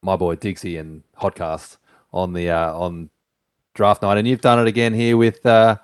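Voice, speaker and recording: A man in casual podcast chat, talking in a relaxed, approving way. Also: deep voice, normal speed, clear, resonant tone, no room sound.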